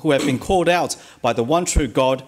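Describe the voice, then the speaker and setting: Halting male sermon interpreter. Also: on the high side. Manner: hesitant with frequent "uh" fillers and self-corrections.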